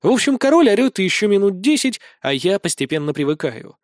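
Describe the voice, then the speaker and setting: A man's voice: high voice, very animated, brisk, dry recording, clean studio sound. A man reading first-person fantasy narration for an audiobook, in a wry, colloquial way with mild swearing.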